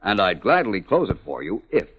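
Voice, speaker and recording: An actor playing an urbane, composed, wry private detective in a 1940s AM radio drama. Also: male voice, lowish voice, very animated, moderate pace, fairly bright tone, a little hiss or hum. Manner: polished, unruffled, wry. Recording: muffled 1940s AM radio recording.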